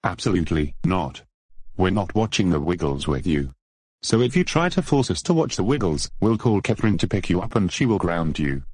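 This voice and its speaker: A man's voice: deep voice, big pitch swings, brisk, a little mellow, breathy edge, no room sound, full character voice. A man voicing a young man about twenty in a fan-made cartoon, firm and refusing.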